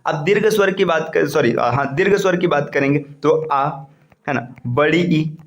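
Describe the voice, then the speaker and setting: A young man teaching an online exam-prep lecture, explaining slowly and repeating points, checking in often with his listeners. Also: fairly high pitch.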